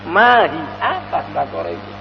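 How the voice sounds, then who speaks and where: Male preacher, high voice, long hall reverb, chants verses between storytelling. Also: dull audio, background noise. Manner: animated storyteller, chants Quranic verses slowly. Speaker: Islamic preacher. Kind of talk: sermon storytelling. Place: mosque hall.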